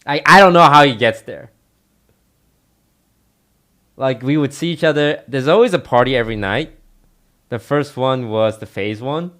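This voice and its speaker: A young man on a podcast telling a story in a relaxed, rambling way, full of fillers. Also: mid-range voice, normal speed, long pauses. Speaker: podcast co-host. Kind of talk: casual storytelling.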